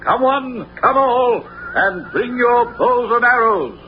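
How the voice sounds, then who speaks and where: A lo-fi radio adventure recording presents a greedy, pompous villain of a sheriff. His fairly high voice swoops with bluster and vengeful grandeur. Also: sing-song, measured pace. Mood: grandiose. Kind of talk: theatrical radio adventure acting. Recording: dull, lo-fi radio recording with faint noise.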